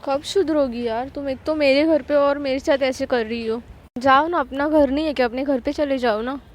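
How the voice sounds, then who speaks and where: A woman's voice: high voice, moderate pace, darkish tone, breathy edge. A woman playing a hot-tempered young woman. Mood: angry. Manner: irritated, complaining.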